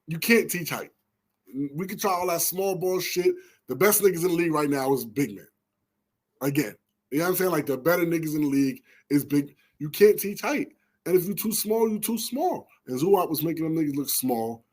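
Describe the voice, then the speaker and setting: A man's voice: on the high side, lively intonation, fairly quick, a little mellow. Loose slang-talking man on a sports podcast. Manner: loose slang-heavy banter, lots of fillers. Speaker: podcast co-host. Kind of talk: casual sports talk.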